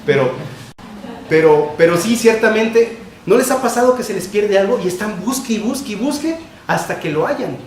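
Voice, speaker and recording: A man preaching a sermon as pastor, emphatic and repetitive, with quick shifts between loud and soft. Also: sits high, expressive. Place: church sanctuary. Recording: echoey church room with faint noise.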